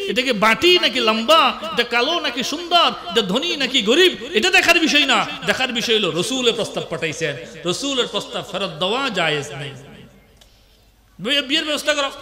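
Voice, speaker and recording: Very high, piercing male preacher voice. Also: in a large hall. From Bangladesh. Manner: animated storytelling with laughing bursts and shouts. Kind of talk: Islamic sermon storytelling.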